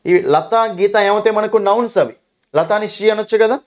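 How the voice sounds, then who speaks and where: Male teacher with a Telugu accent, quick and high-pitched, runs a classroom grammar drill with rhetorical questions. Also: a little mellow, lo-fi sound. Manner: asks questions and answers them himself, calls students "nanna". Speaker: English teacher.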